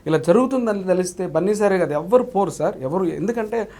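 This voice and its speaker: Male actor guest, earnest and polite, higher-pitched, keeps restarting his lines. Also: animated, quick pace, warm tone. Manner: earnest, calls the host "sir" constantly, frequent restarts. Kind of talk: casual interview talk.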